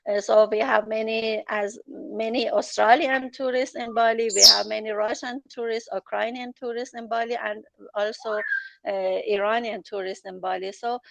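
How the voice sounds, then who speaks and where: Heavy background noise surrounds this interview with an Iranian journalist and travel writer whose first language is Farsi. Her slightly high voice stays steady at a moderate pace, with vocal fry, as she answers hesitantly with frequent fillers and restarts.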